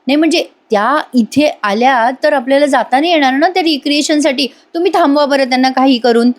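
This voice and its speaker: A woman's voice: high-pitched, quick pace, voice pushed up, lightly acted. A woman voicing an anxious, insistent young wife. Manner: worried, urgent.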